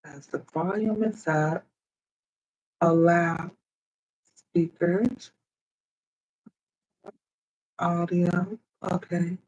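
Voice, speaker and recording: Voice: medium pitch, fairly even intonation, very slow, long pauses, a little mellow, lo-fi sound, a little hiss or hum. A livestreamer chatting casually with viewers, thinking aloud while fiddling with computer audio settings and talking into a computer microphone. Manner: chatty, talks straight to viewers. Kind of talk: casual live stream chat. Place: at a computer, indoors. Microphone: computer microphone, wearing headphones.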